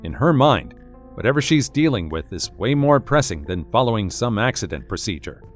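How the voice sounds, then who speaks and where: A man's voice: on the low side, big pitch swings, normal speed, soft background music. A man reading a scripted narration with a wry, dramatic storytelling manner.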